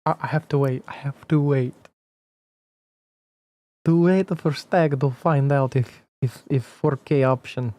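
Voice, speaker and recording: A man's voice: mid-range voice, unhurried, no echo. Brief: male streamer, casual profane game commentary, dry close mic. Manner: excitable, profane, talks to his chat.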